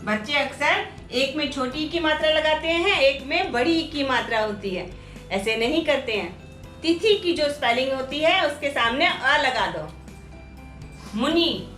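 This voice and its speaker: A woman teaching, explaining a grammar exercise slowly and carefully, repeating each word for students. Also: sits high, a bit bright. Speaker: Hindi teacher. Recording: echoey room with faint music.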